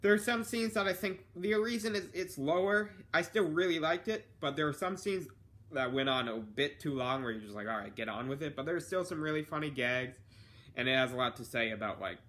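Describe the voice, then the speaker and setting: Offhand, rambling young man with a bright voice. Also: fairly high pitch, fairly quick. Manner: rambling, offhand, with fillers and self-corrections. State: has hiccups. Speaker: film reviewer. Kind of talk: casual video review.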